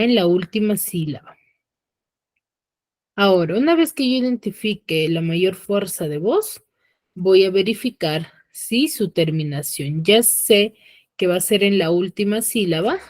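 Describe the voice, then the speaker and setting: A woman's voice: mid-range voice, a little mellow. A woman teacher giving an online lesson, who keeps asking her students questions and checks their understanding with short prompts. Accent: Peruvian Spanish.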